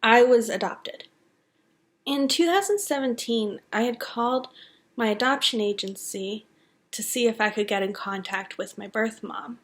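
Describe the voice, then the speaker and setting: A woman in her twenties from Connecticut, calmly telling her own story in a matter-of-fact way. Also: a little high, unhurried. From Connecticut, USA. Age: 20s. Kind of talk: plain personal narration.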